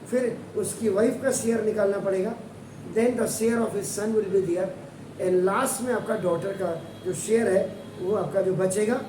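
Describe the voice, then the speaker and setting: A man's voice: extremely high pitch, noisy background. Echoey Indian male teacher, far from the mic. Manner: switches between Hindi and English, emphatic and rambling. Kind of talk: math lesson in Hindi and English. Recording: echoey room from a distance.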